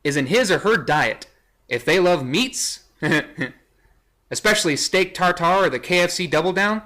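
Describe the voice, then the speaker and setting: Casting note: young male vlogger, bright, slightly high voice, sarcastic and rambling. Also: expressive, unhurried. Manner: sarcastic, rambling, self-correcting. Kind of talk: casual commentary reading a list.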